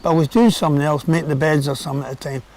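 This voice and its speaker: A man's voice: on the high side, fairly even intonation, rapid-fire, a little mellow, poor audio. An older man, talking bluntly and with exasperation about caring for his wife in a documentary interview. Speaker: husband and carer.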